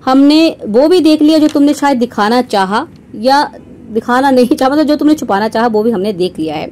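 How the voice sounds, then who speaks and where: A woman's voice: sits high, lively intonation, fairly quick, darkish tone. A young woman reaction vlogger talking straight to her viewers, mocking and sarcastic, often tagging her lines with a rhetorical question. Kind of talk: scornful commentary to viewers.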